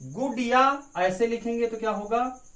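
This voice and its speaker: A man's voice: very high voice, a little slow, sharp tone. A male teacher giving an exam-prep grammar lesson, asking rhetorical questions and answering them himself as he drills the points. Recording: echoey room with crickets outside.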